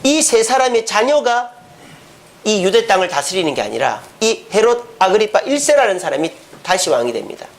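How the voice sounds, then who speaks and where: Pastor guy preaching, high lively voice, keeps quizzing the pews. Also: normal speed. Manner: storytelling, asks the congregation questions. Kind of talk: sermon.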